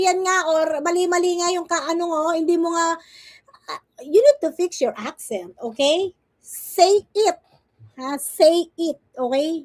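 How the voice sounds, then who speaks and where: A woman with a high voice talks slowly through a reaction stream, mocking and scolding someone she is watching. She keeps asking "okay?" and "ha?" in a teasing tone. The sound is dry and close. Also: no room sound. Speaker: vlogger reacting to another streamer.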